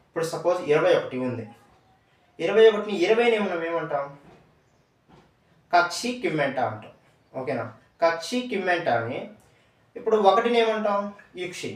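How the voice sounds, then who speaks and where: Guy teaching numbers, kinda high voice, repeats everything twice, sounds a bit far off in a roomy space. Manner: patient, repeats each word twice and quizzes the viewer. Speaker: language teacher. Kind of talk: step-by-step language lesson. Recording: echoey room, away from the mic.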